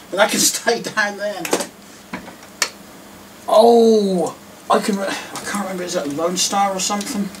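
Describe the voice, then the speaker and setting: A man's voice: high-pitched, takes it slowly, pauses often, background noise. A middle-aged English man rambling casually as he sorts a box of toy cars at his desk, with self-mocking asides. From England. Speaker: diecast collector vlogger. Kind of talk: casual narration while sorting toys. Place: at a desk indoors. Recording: distant mic with clicks and clatter.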